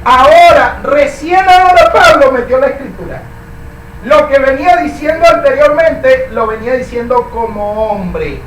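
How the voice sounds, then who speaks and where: High-voiced man teaching a Bible class. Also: animated, unhurried, a bit bright, soft background music. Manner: rhetorical questions, emphatic. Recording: echoey room, mic at a distance.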